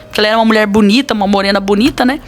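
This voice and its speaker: A woman's voice: medium pitch, racing. A woman pastor with a Brazilian accent, telling a personal testimony in a podcast interview in an earnest, dramatic way. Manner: earnest, dramatic storytelling with quoted dialogue.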